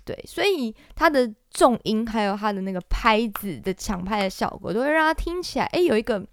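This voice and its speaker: A woman's voice: fairly high pitch, lively intonation, brisk. Chatty woman teaching singing. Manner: playful, chatty, often laughs and demonstrates. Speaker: podcast host teaching singing. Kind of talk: casual singing lesson.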